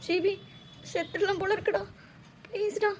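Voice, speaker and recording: A woman's voice: very high-pitched, steady tone, a little fast, a little hiss or hum. A woman voicing a grieving mother at a hospital bed, pleading and tearful, in a Tamil cartoon dub.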